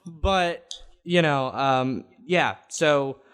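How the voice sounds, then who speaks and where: Rambling teenage podcast co-host from Florida. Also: male voice, fairly high pitch, drawn-out words, fairly bright tone, smooth. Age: late teens. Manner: rambling, laughs between thoughts, swears casually. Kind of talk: casual chat.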